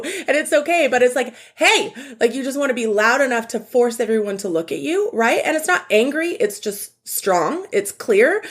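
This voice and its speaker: A woman co-hosting a youth ministry podcast, talking in a casual, upbeat and emphatic way. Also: fairly high pitch. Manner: upbeat, laughs often, emphatic.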